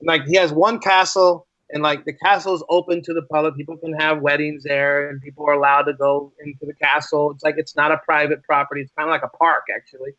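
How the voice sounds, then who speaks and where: A man guesting in a casual interview explains his thinking as a writer, speaking a little fast and a little high with few pauses. He's animated, repeats phrases for emphasis, and acts out imagined quotes. The recording is muffled, with no echo.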